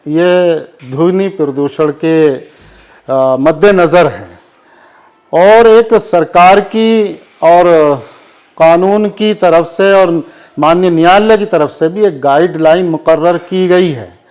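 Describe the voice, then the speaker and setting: Being interviewed by the press about current affairs, a male cleric answers formally in a fairly high voice with a darkish tone. His statements are unhurried and measured, rich in Urdu vocabulary.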